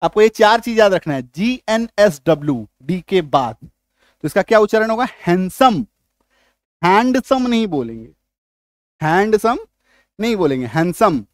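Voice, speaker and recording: A man's voice: sits high, animated, a little fast, no room sound, clean studio sound. A man teaching an English pronunciation lesson, spelling words out letter by letter and asking rhetorical questions.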